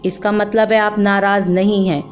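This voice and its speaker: A woman's voice: mid-range voice, flat delivery, normal speed, close to an everyday voice. A woman voicing a frightened young girl who grows into a tearful young mother, speaking in a timid, pleading way over faint music. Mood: anxious.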